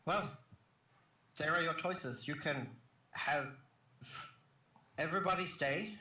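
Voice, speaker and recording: A man's voice: fairly high pitch, slow pace, sharp tone, full character voice. A man playing a stern, curt city official, recorded in an echoey room, far from the mic.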